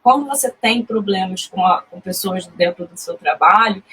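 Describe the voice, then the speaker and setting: A woman with a Brazilian Portuguese accent speaking in a casual interview, reflective and halting, with restarts. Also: medium pitch, fairly bright tone, rough recording.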